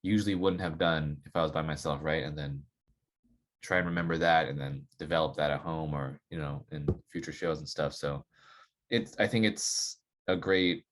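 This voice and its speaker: A man with a very low, deep voice speaks as a podcast guest. His talk is relaxed and rambling, padded with fillers as he thinks aloud about playing saxophone. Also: moderate pace. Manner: relaxed, rambling, filler-heavy with many "like" and "you know". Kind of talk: casual podcast interview.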